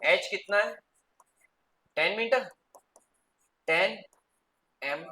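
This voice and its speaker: Male physics teacher, classroom lecture, bright sharp tone, drills students with questions. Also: sits high, rough recording. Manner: quizzes the class with quick repeated questions; mixes English physics terms into Hindi.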